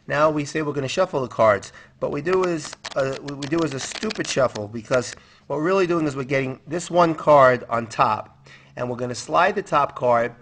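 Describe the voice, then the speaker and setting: A man with a medium-pitched voice delivers card magician patter in an instructional way. He walks through each move step by step, counting things off and putting questions to the spectator. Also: a bit bright. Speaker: magician demonstrating and teaching a card trick.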